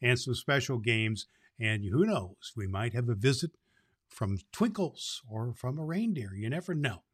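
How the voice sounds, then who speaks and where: With an expressive, slightly rough mid-range voice at a measured pace, a man plays Santa Claus hosting a children's program. He reads stories aloud, fondly repeating words for emphasis.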